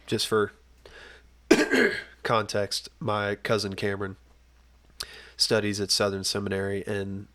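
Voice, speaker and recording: A man's voice: on the low side, no room sound. Coughing young man with a scratchy throat. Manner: animated, rhetorical questions. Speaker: podcast co-host. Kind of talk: casual chat.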